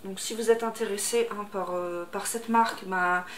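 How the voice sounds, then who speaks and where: A woman's voice: mid-range voice, steady tone, normal speed. A woman vlogger chatting to camera at home while unboxing, hesitant and full of fillers. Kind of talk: casual chat to camera. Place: room at home, indoors. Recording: echoey room with background noise.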